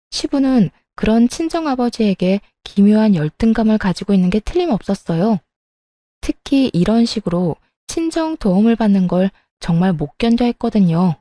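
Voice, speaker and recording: Mellow woman reading a confiding story. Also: mid-range voice, no room sound, studio quality. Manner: calm, even confiding storytelling. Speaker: story narrator. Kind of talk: scripted first-person story narration.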